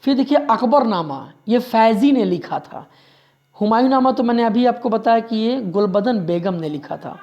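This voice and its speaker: A man's voice: high-pitched, lively intonation, moderate pace, a little mellow, dull audio. A male history teacher runs an exam-prep lecture. He drills each fact by saying it again and again. He keeps pressing his listeners to remember every point and stops now and then to correct himself. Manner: drills facts by repeating them; corrects himself mid-sentence.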